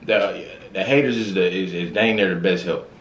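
An American man in his thirties hosts a reaction video, offering casual, slangy commentary and often repeating his phrases. His low, fairly bright voice keeps a moderate pace in a small room with records on the wall, where the sound echoes and faint music and slight background noise linger.

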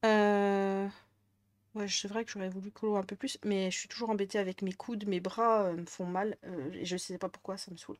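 Woman, northern French accent, casual rambling vlog chat, mid pitch. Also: fairly even intonation, fairly quick, no room sound. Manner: rambling, chatty, many fillers. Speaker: crafting vlogger.

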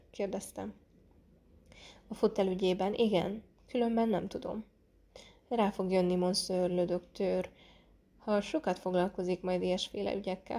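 A woman narrating a classic detective novel as an audiobook, reading in a calm, measured way and lightly voicing the characters. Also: mid-range voice.

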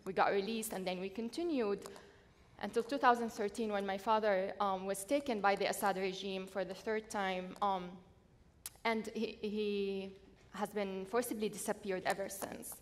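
A young woman from Syria speaking on a conference panel, telling her own story in an earnest, steady way with filler pauses, on a headset mic. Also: medium pitch. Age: young adult. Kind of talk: personal testimony on a panel. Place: large conference hall stage. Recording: long hall reverb, faint noise.

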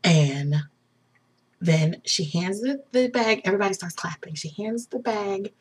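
A woman vlogger telling a story in casual chat, excitable and tearful, laughing and choking up as she talks. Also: medium pitch, a little slow, breathy edge. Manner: excitable, gushing, breaks into laughter and tears.

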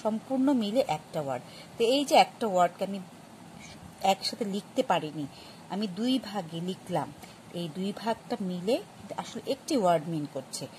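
A woman teaching a grammar lesson, explaining patiently to students with many pauses and restarts. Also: medium pitch, darkish tone, slight background noise, poor audio. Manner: patient, addresses students directly. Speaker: English teacher.

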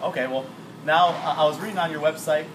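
Speaking fast in a voice on the high side, this thirty-something male host keeps the interview casual and upbeat, chatting and gesturing as he goes. The setting is a bright indoor room with a glass wall, captured on a distant camera whose audio has heavy background noise.

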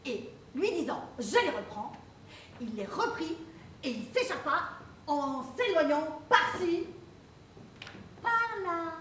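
A prim, mock-earnest lady guest recites absurd little tales in a stage play, played by a woman. Her voice is very high with lively swings of pitch. It sounds far from the mic in a ringing theatre. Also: takes it slowly, pauses often, heavily acted. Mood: recitative. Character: prim married woman, polite guest, eager for stories. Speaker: amateur stage actor. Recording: echoey theatre, distant mic, faint rumble.

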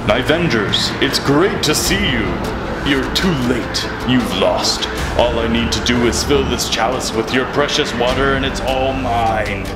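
Guy doing a gloating cartoon alien overlord, slow dramatic menace, mid pitch, big music behind. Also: lightly acted. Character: male alien villain tyrant, gloating and grandiose. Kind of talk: scripted animated superhero villain acting. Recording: echoing voice under loud music.

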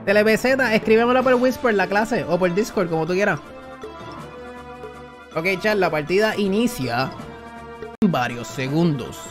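A man streaming live, calling a game race for his chat in excitable, rapid play-by-play. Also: high voice, music in the background.

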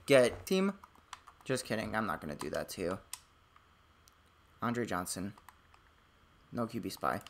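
An excitable man calling his own football video game live, his pitch leaping wildly between low grumbles and high yells. He talks at an unhurried pace, and faint keyboard clicking sits behind him. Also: creaky, a little hiss or hum. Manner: excitable, swings from muttering to shouting at the game. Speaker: gaming streamer. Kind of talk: live gameplay commentary.

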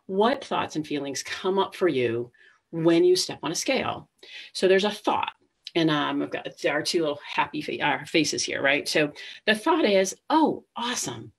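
A woman's voice: low voice, lively intonation, normal speed. A middle-aged woman hosting a live webinar, speaking conversationally and addressing listeners directly. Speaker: webinar host.

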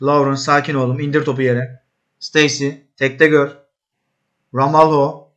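A man playing a football management game, talking to his players as their coach, calming and scolding them and shouting when an attack builds. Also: a little slow, muffled recording. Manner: bursts into high shouts at attacks. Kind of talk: live commentary while gaming.

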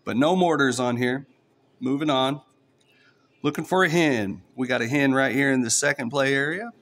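A man's voice: mid-range voice, moderate pace, a bit bright. A man with an East Texas accent chatting casually to his followers while scratching lottery tickets. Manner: chatty, talks straight to followers. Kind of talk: casual play-by-play vlog.

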